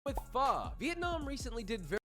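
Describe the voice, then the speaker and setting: A man's voice: very high voice, huge pitch swings, a little fast, bright, forceful tone, faint music behind. A man giving scripted narration for a food show, walking through recipe steps in an upbeat way.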